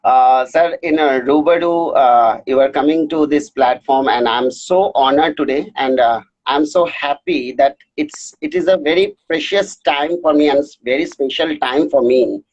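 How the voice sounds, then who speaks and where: A young man hosting a live online interview, effusive and halting, mixing English and Hindi with many hesitations. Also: on the high side, animated, darkish tone, lo-fi sound. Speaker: interview host.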